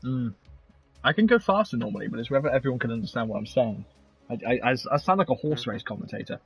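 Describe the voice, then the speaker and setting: A man commentating on an online sim race, fast and animated, with chatty asides between calls. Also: mid-range voice, gravelly, husky, faint music behind, rough recording.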